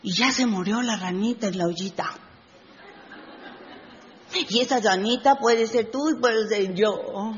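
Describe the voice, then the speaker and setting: Woman teaching a bible class to a group of ladies, slow and lively, keeps throwing questions at them, dull sound with a long hall echo. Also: mid-range voice, slight background noise. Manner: animated storytelling, asks the listeners questions. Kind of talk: lively Bible lesson with read scripture.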